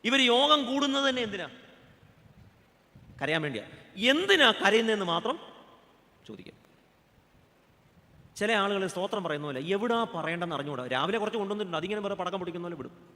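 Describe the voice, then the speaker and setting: A man's voice: high voice, expressive, a little fast, long pauses, pushed and bright, big-room sound. A man, a pastor with a Keralan accent, giving a humorous sermon, joking and asking the audience questions. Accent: Keralan Malayalam.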